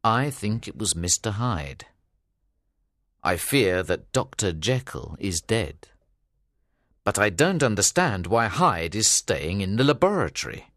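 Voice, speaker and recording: A man's voice: fairly low pitch, sing-song, unhurried, a bit bright, no room sound, studio quality, heavily acted. A man doing a grave, determined lawyer. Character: serious male lawyer, middle-aged, determined.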